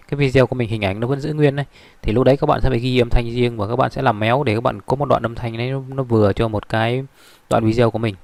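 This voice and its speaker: A man giving a screen-recorded software tutorial, rambling with many fillers and restarts. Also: medium pitch, creaky, no room sound.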